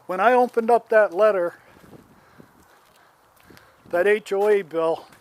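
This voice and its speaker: A man in his seventies, a homeowner, records himself on a handheld phone as he walks outdoors around his yard, voicing an aggrieved complaint. He speaks slowly in a high-pitched voice, rambling plainly and restarting as he goes.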